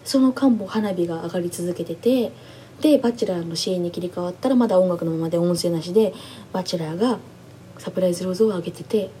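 A young woman chatting excitedly as she recaps a reality show, animated and acting out what people said. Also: fairly low pitch, quick pace, slight background noise. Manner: gushing, animated, acts out quotes. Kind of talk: excited casual recap chat.

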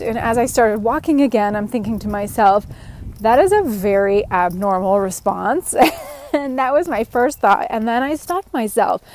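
A woman talking into her phone while walking a trail outdoors, reflecting earnestly and laughing softly now and then. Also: medium pitch. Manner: earnest, musing, with frequent soft laughs. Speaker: podcast host. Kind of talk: reflective walk-and-talk monologue. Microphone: phone held while walking.

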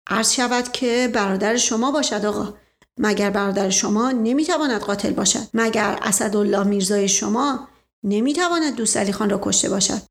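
A woman voicing a bullying, suspicious male police inspector who barks orders and keeps demanding quick answers. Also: medium pitch, natural voice. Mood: accusing.

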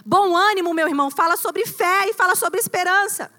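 High, bright-voiced woman preaching. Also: fairly quick. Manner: animated preaching, addressing the congregation as "irmão". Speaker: pastor. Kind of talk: sermon. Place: church service held in a cinema.

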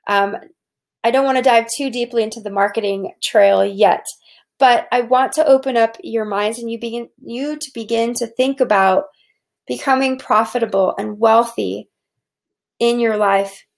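A woman's voice: a little high, fairly even intonation, normal speed, vocal fry. A woman who runs a soap business gives an earnest, preachy motivational talk about profit and faith, often restarting her sentences.

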